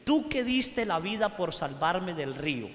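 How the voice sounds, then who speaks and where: A man's voice: high voice, very animated, a little slow, a bit bright, full character voice. A priest voicing a frightened man on trial. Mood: pleading. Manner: pleading. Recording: echoey hall, faint noise.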